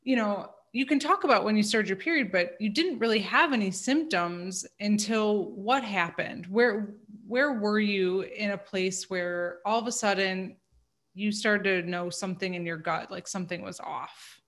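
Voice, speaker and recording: A woman's voice: mid-range voice, normal speed, fairly bright tone. A woman hosting a podcast, opening the episode and chatting casually with her guest. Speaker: podcast host. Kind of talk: casual interview chat.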